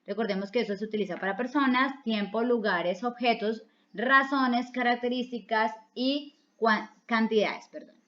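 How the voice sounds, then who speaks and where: A woman's voice: fairly high pitch, normal speed, hardly any pauses, fairly bright tone. A woman from Colombia teaching a recorded online English class, explaining each step patiently and repeating key words in two languages. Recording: dull lo-fi recording.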